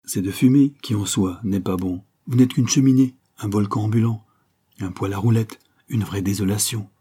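A man reading a novel aloud, voicing a refined young woman who gently scolds and pleads with her fiancé. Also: fairly low pitch, steady tone, moderate pace, slightly rough. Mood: pleading. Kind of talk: audiobook character reading.

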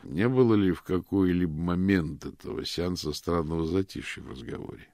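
A man voicing a calm, polite male detective questioning someone on the phone. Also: low voice, fairly quick, creaky, no room sound, studio quality.

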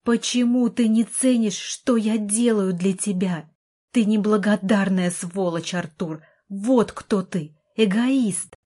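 A woman voicing an exasperated older sister, a doctor, who pleads and shouts at her brother in an audiobook. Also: medium pitch, fairly even intonation, unhurried, husky. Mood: desperate.

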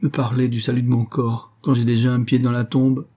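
A man's voice: mid-range voice, level tone, brisk, dark tone, close to an everyday voice. A man reading a pleading dying woman. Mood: despairing. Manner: pleading, breathless questions. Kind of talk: audiobook reading.

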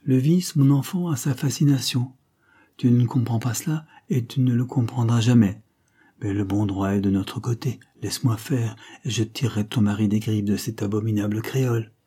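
A man's voice: medium pitch, fairly even intonation, normal speed, warm tone, husky, lightly acted. Man reading as an indignant old nobleman. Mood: scolding. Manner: emphatic, scolding.

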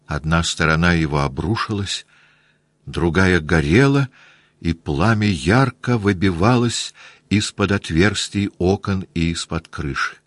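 A man narrating a classic novel in a steady, measured reading. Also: low-pitched, no room sound. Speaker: audiobook narrator.

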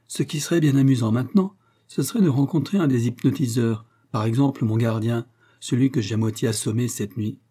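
A man's voice: mid-range voice, brisk, hardly any pauses, dark tone, slightly rough, close to an everyday voice. A man reading the part of a cheerful young male servant, eager and exclamatory.

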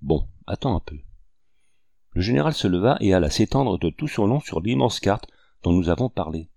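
A man narrating a historical novel in a measured, descriptive audiobook reading. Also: fairly low pitch, lively intonation, creaky, warm tone, dry recording, studio quality.

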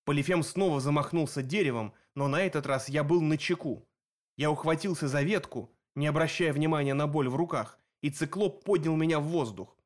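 A man reading a first-person action audiobook aloud in a steady, vivid storytelling manner. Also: fairly high pitch, a little fast. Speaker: audiobook narrator. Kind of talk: first-person scripted narration.

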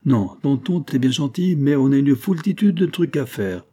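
A man's voice: mid-range voice, expressive, normal speed, dark tone, pitched above the performer's own voice, natural voice. A man reading the lines of a friendly young sidekick who turns down an offer politely.

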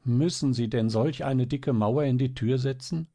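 A man's voice: medium pitch, measured pace, dark tone, dry recording, clean studio sound, voice pushed up. A man voicing a frail, shy little sick girl in a storybook, pleading and earnest. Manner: eager, pleading.

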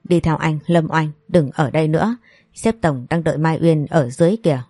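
Calm young man making peace, read by a woman. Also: low voice, brisk, dry recording, clean studio sound, faint music behind. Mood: soothing. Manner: soothing, reasonable.

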